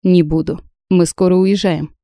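Audiobook casting: a woman playing a calm, playful male mage, low and hushed, warm tone, dry close sound. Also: unhurried, dry recording. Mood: teasing.

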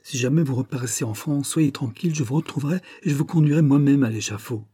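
A man's voice: medium pitch, fast, warm tone, breathy edge, no echo, studio quality, voice pushed up, natural voice. A man reading an audiobook voices a stern avenger giving firm commands. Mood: commanding. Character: stern male avenger holding a pistol.

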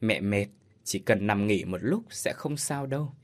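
A man's voice: fairly low pitch, expressive, unhurried, voice pushed down. A man doing a protective young father. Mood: soothing. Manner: soothing fatherly reassurance. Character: worried young father, protective of his family.

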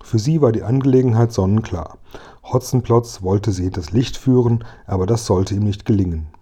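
A man narrating a children's storybook aloud in a lively, clear storytelling manner. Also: fairly low pitch, moderate pace. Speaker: audiobook reader.

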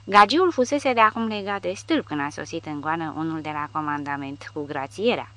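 A woman's voice: sits low, expressive, fairly bright tone. Woman reading as a tough old legionnaire guy, dry and blunt. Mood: recounting. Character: hardened male former legionnaire, defiant.

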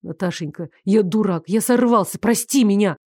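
A woman reading the part of a jealous man who shouts accusations and then begs. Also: mid-range voice, moderate pace, no echo, clean studio sound, close to an everyday voice. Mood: pleading. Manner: loud and accusing, then begging. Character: angry pleading man, jealous ex-lover.

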